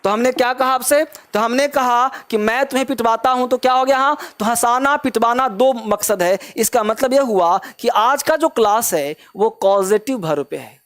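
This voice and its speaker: A man's voice: very high voice, normal speed, hardly any pauses, a bit bright. A man teaches a spoken English class. He keeps firing the same questions back at his pupils and repeating the answer. He calls them "beta" in a fatherly way. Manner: drills students with repeated questions.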